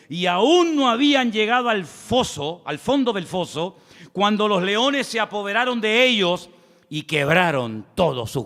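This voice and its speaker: A man's voice: sits high, a bit bright. A man preaching a sermon as pastor, telling a personal story and reading scripture aloud, calling the congregation brother and asking for amens. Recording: long hall reverb.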